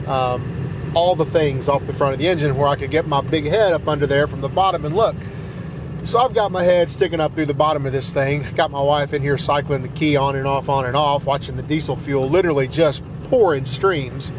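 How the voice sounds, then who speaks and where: Rambling Southern man driving a truck. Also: on the high side. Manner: rambling, hesitant with many fillers and restarts. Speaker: truck vlogger. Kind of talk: casual storytelling while driving. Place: inside a pickup truck cab, driving in snow. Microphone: dash-mounted camera. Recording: road noise behind.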